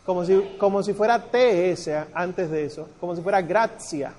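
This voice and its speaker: A man's voice: high voice, normal speed, darkish tone. A man teaching a class on church Latin pronunciation, patiently explaining and drawing out the prayer words. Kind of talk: classroom lesson.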